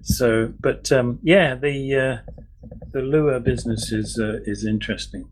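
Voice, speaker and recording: A man co-hosting a podcast in casual chat, agreeable and quick to laugh. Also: medium pitch, a little hiss or hum, rough recording. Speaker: podcast co-host.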